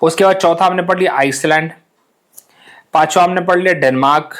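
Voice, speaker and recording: A young man talks through a map lesson for exam students in a relaxed, chatty way. He repeats himself, asks his listeners questions and drops English words into his talk. His voice sits a little high for a man. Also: brisk. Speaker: exam coaching teacher.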